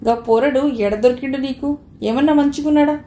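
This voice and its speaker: A woman's voice: sits high, moderate pace, mellow, pitched above the performer's own voice, lightly acted. A woman reading the lines of a middle-aged housewife who comforts and chides a crying girl in Telangana Telugu. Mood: chiding comfort. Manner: soothing, then chiding. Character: kind but stern housewife, middle-aged. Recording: roomy echo, faint noise.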